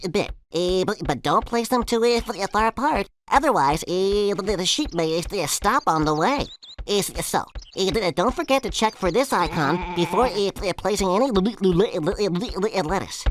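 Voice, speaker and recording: A man uses a high-pitched, lively voice to play a timid, friendly and rather dim pig farmer in a cartoon video game. The character bumbles along helpfully, hesitant and halting, with a heavy stutter. The game audio capture is slightly noisy.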